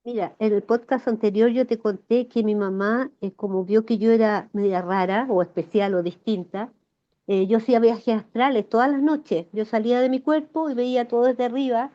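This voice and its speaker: A woman's voice: fairly high pitch, moderate pace, lo-fi sound. A woman in her sixties with a Chilean accent, a flower therapist guest telling emotional stories in a podcast interview. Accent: Chilean Spanish. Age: 60s. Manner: emotional, animated storyteller.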